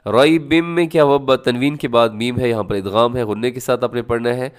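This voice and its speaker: Male tajweed teacher, smooth clear voice, middle pitch, rhetorical questions, stretched example words. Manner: explains rules, then models each word slowly and loudly; asks rhetorical questions to the class. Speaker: Quran recitation teacher. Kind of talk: tajweed lesson.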